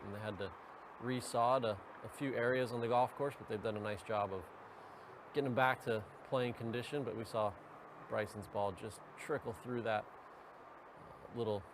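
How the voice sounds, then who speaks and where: A man giving live golf commentary in a measured, analytical way. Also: mid-range voice. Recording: outdoor ambient noise behind voice.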